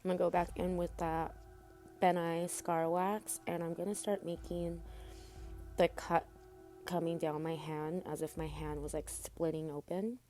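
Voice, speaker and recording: Mellow, low-voiced woman giving a tutorial. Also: little pitch movement, a little slow, soft background music. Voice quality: speaks with braces in her mouth. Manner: chatty, informal, addresses viewers as guys. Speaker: makeup tutorial host. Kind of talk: casual tutorial voice-over.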